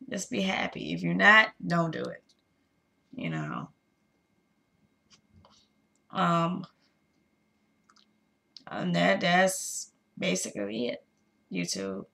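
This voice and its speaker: Slow, halting woman with a bright voice. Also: on the low side, vocal fry. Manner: halting, with many pauses and fillers; candid, addressing viewers directly. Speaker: vlogger. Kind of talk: personal confessional vlog.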